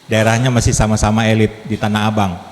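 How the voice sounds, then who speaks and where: A man's voice: on the low side, little pitch movement, quick pace. A man in his fifties preaching as a lay speaker to a congregation, chatty and joking, drawing the audience in with questions. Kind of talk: sermon with humor. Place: church hall. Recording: echoey hall, faint background noise.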